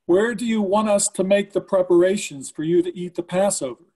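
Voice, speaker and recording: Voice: medium pitch, brisk, a little mellow, poor audio. A church reader giving a dramatic reading of scripture.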